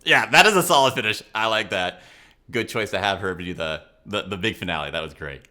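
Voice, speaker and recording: Speaking a little fast in an animated, bright and forceful voice with a fairly low pitch, a man presents analytical commentary to viewers. He hosts videos as a body language and leadership coach, and his manner is emphatic and instructional.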